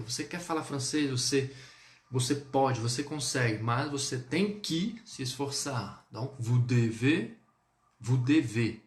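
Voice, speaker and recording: A man's voice: mid-range voice, reverberant. A Brazilian man teaching French in a live online lesson. He explains patiently and keeps checking in with his viewers. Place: indoor room, livestream.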